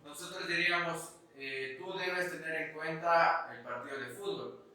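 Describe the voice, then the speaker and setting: Ecuadorian teacher lecturing in an echoey room. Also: male voice, a little high, measured pace, pushed and bright, distant mic. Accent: Ecuadorian highland Spanish. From Ecuadorian highlands. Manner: explains step by step, often checking with "¿sí?". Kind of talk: recorded class lecture.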